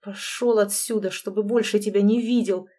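A grown man who warns off a troublemaker in a low, level voice, never raising it, as a woman reading the story puts him on. The threat comes cold and controlled. It is a spoken storybook scene. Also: steady tone, normal speed, warm tone, natural voice. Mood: quiet menace. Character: quiet, protective grown man, coldly menacing. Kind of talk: audiobook reading.

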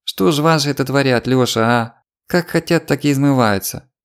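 With a lightly acted touch, a man of medium pitch and vocal fry voices a sly trader woman from the market, speaking with a Ukrainian accent. His character schemes and whines, pouring out tearful grievances at speed.

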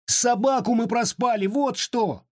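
A man voicing a young boy who talks rudely and sharply, shouting and scolding. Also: extremely high pitch, unhurried, dry recording, clean studio sound, pitched above the performer's own voice. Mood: alarmed shouting. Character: rude, irritable young boy.

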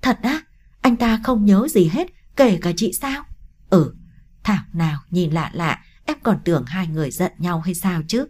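A woman voicing a brash, sharp-tongued young woman in an audiobook story. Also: lowish voice, animated, husky. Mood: curious. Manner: cheeky, quick to pick a fight. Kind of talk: audiobook character reading.

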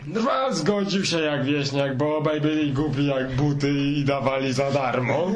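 Slow, rambling grandfather storyteller on an old worn tape, man, slightly high voice, faint hiss and clicks, distant. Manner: slow, rambling, forgetful, hesitant. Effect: old worn tape recording of poor quality. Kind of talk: comic fairy-tale narration.

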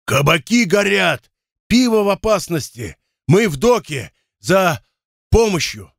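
A brash, loud-mouthed brawler, played by a man, yelling in short bursts with a fairly high, lively voice. The sound is dry and close to the mic. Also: slow pace, no echo, heavily acted. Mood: urgent. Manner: shouting, brash.

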